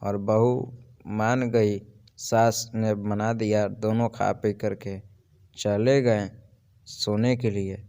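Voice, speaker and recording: A man narrating a moral story in a plain, unhurried storytelling way. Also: lowish voice, level tone, mellow, clear, resonant tone.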